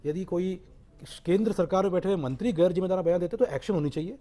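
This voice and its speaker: A man representing a political party on a televised panel, speaking quickly and defending his side. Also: high-pitched, warm tone. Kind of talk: televised debate argument.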